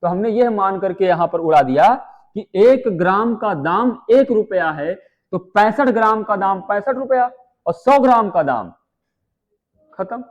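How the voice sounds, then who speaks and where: A man teaching maths, chatty and firing quick questions at his students. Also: high voice, animated. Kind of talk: live online exam-prep class.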